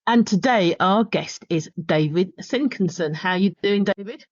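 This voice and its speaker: A woman hosts a podcast interview, keeping things conversational and encouraging with her guest. Her voice is medium-pitched at normal speed, and the call audio is dry, dull and lo-fi.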